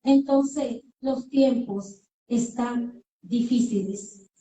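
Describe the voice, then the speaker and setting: Woman preacher, high voice, emphatic and questioning; distant mic in an echoey sanctuary. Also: extremely slow, mellow, a little hiss or hum. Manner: emphatic, with rhetorical questions and acted-out dialogue. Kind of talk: sermon. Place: church sanctuary. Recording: echoey room, voice from far off the mic.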